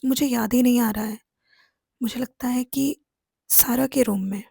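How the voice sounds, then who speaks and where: A woman's voice: on the high side, fairly even intonation, a little slow, vocal fry, warm tone, slightly rough, no echo, clean studio sound, full character voice. A woman reading the lines of a flustered young man in a storybook romance. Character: fretful young man Jimin, groom's friend.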